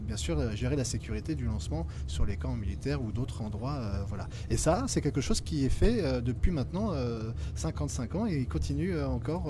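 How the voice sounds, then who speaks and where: A man, a studio guest and association president, answering at length in a halting way with many fillers and restarts. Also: mid-range voice, background noise. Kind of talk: hesitant studio talk-show answers. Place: web TV studio set at a robotics event.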